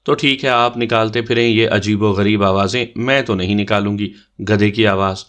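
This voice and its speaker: A man's voice: on the low side, steady tone, a bit bright, clean tone, close to an everyday voice. A man voicing a spirited young woman who protests indignantly at being made to play a silly game. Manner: indignant, huffy.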